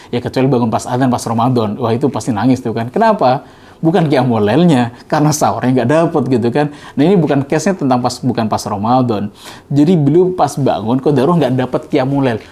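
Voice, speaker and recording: Mellow-voiced man preaching gently. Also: mid-range voice. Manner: gentle, conversational preaching with lively storytelling. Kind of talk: Ramadan religious talk with storytelling.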